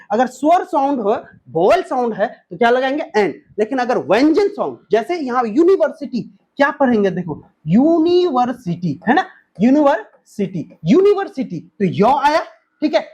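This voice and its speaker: A man's voice: very high-pitched, darkish tone. A man teaching an exam-prep grammar lesson, who asks questions and answers them himself, repeats key points and spells words out letter by letter.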